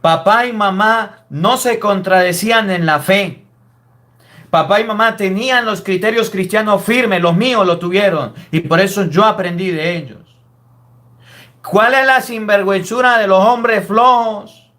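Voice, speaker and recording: High-voiced priest preaching. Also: male voice, a little slow, pushed and bright. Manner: emphatic, scolding preaching with rhetorical questions. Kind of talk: sermon.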